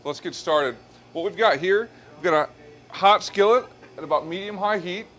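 This cooking demonstration features a thirtysomething male chef with a high voice and a normal pace, explaining a pasta dish step by step as he works by a hot restaurant stove. The recording is rough, with music under his easygoing narration.

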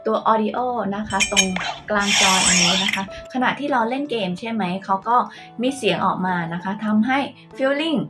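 Woman vlogger, slightly high pitch, chatty and polite, casual product review with faint music behind. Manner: polite, chatty, ends nearly every phrase with soft polite particles. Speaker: vlogger reviewing a game controller.

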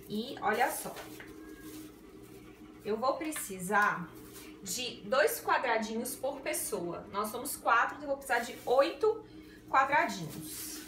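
A woman's voice: fairly high pitch, background noise. Woman, young adult, cooking vlog, chatty step-by-step talk, small echoey kitchen, distant phone mic, background music. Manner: chatty, explains each step to viewers. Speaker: cooking vlogger. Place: small tiled home kitchen. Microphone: phone on a tripod.

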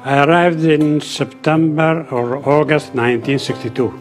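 Older man, unhurried and measured. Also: on the high side, steady tone, soft background music. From Sudan. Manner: measured and unhurried, with frequent pauses. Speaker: interviewee. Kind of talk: reflective storytelling. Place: indoors by a window.

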